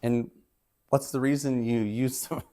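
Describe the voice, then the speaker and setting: A man hosting a mock-serious interview show, talking in a pompous, solemn, deadpan way. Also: medium pitch, unhurried. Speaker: mock podcast host.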